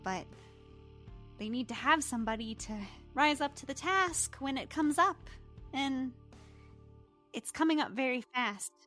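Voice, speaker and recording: A woman's voice: sits high, expressive, measured pace, long pauses, fairly bright tone, soft background music, voice pushed up. A woman voicing a teenage-looking goddess of fate, playful and teasing, in a tabletop game. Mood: earnest. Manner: teasing, cheerful. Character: girlish teen goddess of fate, playful, smug.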